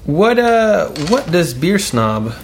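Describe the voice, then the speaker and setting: A man's voice: high-pitched, very animated, takes it slowly, a little hiss or hum. A man co-hosting a casual podcast about beer, talking in an easygoing, chatty way with folksy sayings. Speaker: podcast co-host. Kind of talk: casual beer-tasting chat.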